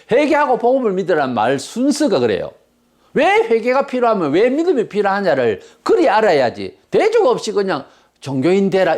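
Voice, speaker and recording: A man preaching a sermon as pastor, blunt and emphatic, firing off rhetorical questions. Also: high voice.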